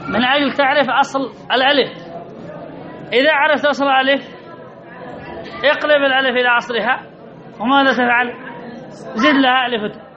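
A man's voice: extremely high pitch, steady tone, a little fast, long pauses, bright, forceful tone, a faint crowd. A man teaching a grammar lesson, repeating rules and quizzing his listeners with questions. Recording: dull lo-fi recording with audience murmur.

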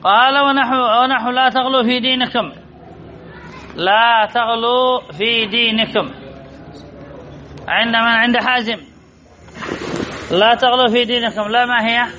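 A man's voice: very high-pitched, steady tone, fairly quick, sharp tone, slight background noise. A man teaching an Arabic grammar lesson to a class, reading from a text, repeating key terms and calling on students by name to answer. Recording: dull lo-fi classroom recording.

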